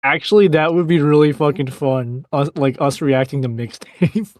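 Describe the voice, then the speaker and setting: A man's voice: fairly high pitch, moderate pace, a little mellow, dry recording, studio quality. A man chatting casually as a co-player on a gaming livestream, slangy, sweary and teasing.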